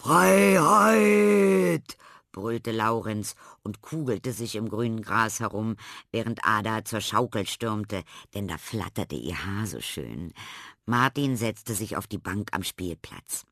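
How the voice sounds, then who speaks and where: A man narrating a children's storybook in a lively, expressive way. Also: fairly low pitch, a little slow, no room sound, studio quality.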